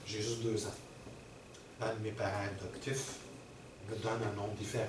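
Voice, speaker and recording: A man's voice: on the low side, flat delivery, moderate pace. Man teaching a workshop. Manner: explanatory, checks in often with the audience. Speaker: workshop presenter. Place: workshop room with an audience. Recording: roomy and distant with background noise.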